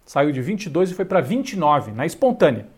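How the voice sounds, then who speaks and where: A man's voice: fairly high pitch, sing-song, brisk, slightly rough. A Brazilian man with a Brazilian Portuguese accent giving opinionated political news commentary, with sardonic asides.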